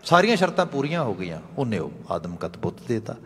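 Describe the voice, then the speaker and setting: Husky male preacher, lively sermon voice. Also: fast. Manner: wide swings between hushed low narration and rising emphatic questions. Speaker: preacher giving katha. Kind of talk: sermon storytelling. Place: gurdwara hall. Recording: hall reverb.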